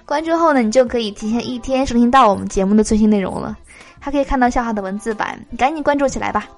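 A woman podcast host reading out jokes in a lively way, laughing between them. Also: on the high side, fast, faint music behind.

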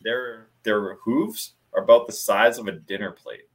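A man co-hosting a podcast, telling stories in a casual, animated way with frequent laughs. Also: on the low side, a little slow. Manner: animated storyteller, laughs often. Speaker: podcast co-host. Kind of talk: casual chat.

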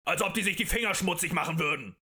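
A man voicing a gruff, bitter male craftsman heckling angrily from a crowd in an audiobook. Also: high voice, quick pace, pushed and bright, pitched above the performer's own voice. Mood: angry. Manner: angry heckling.

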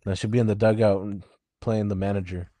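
A man with a lowish voice bantering on a podcast, teasing his co-host with playful jokes. The sound is dry and close to the mic. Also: flat delivery, fairly quick, mellow, dry recording. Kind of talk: casual chat.

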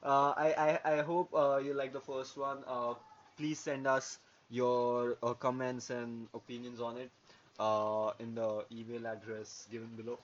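A podcast co-host with a medium-pitched, level male voice speaks at a measured pace in a casual philosophical discussion. He sounds hesitant, often dropping tag words like "yeah" and "okay." The audio is muffled and lo-fi, with background noise.

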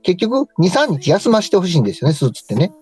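A man's voice: high-pitched, wildly swooping pitch, fast talker, a little mellow, husky, soft background music. A man with a Kansai Japanese accent giving a polite, informal explanatory talk as a radio co-host and stylist. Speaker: co-host, stylist and tailor shop manager.

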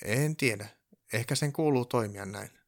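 A man voicing a loud, pompous elf who tinkers with gadgets and talks with overconfidence. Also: lowish voice, steady tone, gravelly. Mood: self-assured. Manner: loud, self-assured, pompous.

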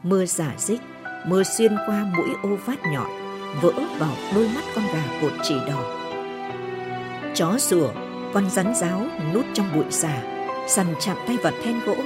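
A woman narrating a literary short story for radio in a measured, solemn reading. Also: lowish voice, animated, over loud music.

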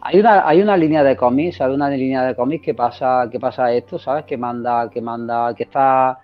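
A man chats excitedly as a podcast host, rambling and circling back on himself. His voice sits at an ordinary middle pitch. The recording sounds dull and lo-fi, with faint music underneath. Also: normal speed. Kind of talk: casual chat.

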